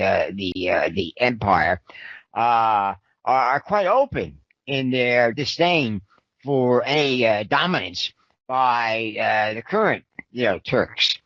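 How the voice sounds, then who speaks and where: A man's voice: mid-range voice, fairly bright tone, no echo, highs cut off. A man co-hosting a discussion show, explaining in long rambling sentences with frequent fillers. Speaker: podcast co-host, analyst. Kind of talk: casual discussion.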